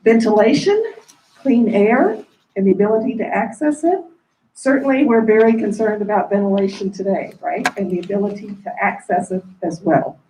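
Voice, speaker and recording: A woman giving a formal, measured welcome speech as a dean, her voice coming through a face mask. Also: medium pitch, animated, mellow, a little hiss or hum. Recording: roomy echo, distant mic.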